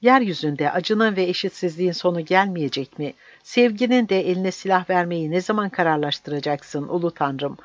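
A narrator voicing a fierce, bearded village priest in his seventies, praying and defying an officer in a raised, higher voice. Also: normal speed, few pauses, dry recording, lightly acted. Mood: pleading prayer. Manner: pleading, defiant, raised and higher voice. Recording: dull dry recording.

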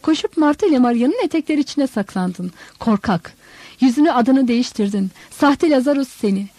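Judas for a storybook reading: an enraged, accusing apostle with a mellow, dry tone, voiced by a woman reader. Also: high voice, lively intonation, brisk, no echo. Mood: furious, scornful. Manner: accusing, ranting. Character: bitter furious male apostle Judas.

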